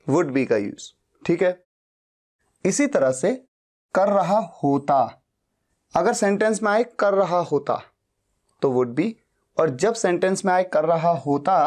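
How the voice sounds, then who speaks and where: Slow, deliberate male English teacher. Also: fairly high pitch, a little mellow. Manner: slow, deliberate, drawing out example sentences. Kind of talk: classroom grammar lesson.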